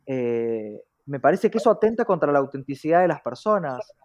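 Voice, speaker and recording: With a deep, somewhat mellow, sing-song voice, an Argentine woman talks at a moderate pace as an interview guest. She's reflective and conversational, regularly checking in through rhetorical questions.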